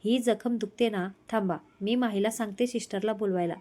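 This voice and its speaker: A woman's voice: mid-range voice, fairly quick, warm tone, lightly acted. A woman voicing a young wife who fusses over her husband and teases him back, read in her own voice as part of a storybook reading. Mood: worried. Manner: pleading, playful. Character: young wife, worried and playful.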